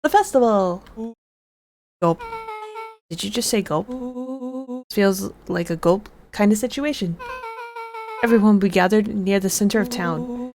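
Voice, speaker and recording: A woman's voice: mid-range voice, normal speed, long pauses, darkish tone. A woman streamer casually reading game dialogue aloud in a playful, joking way, adding asides. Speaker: game streamer voicing characters. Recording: with faint game music behind. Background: faint game music.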